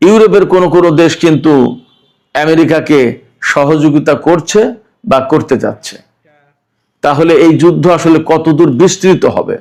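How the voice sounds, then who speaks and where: A man hosts a news commentary show in a slightly raised voice. He speaks in a measured, deliberate way, stopping now and then to ask rhetorical questions. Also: on the high side, a little mellow. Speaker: host.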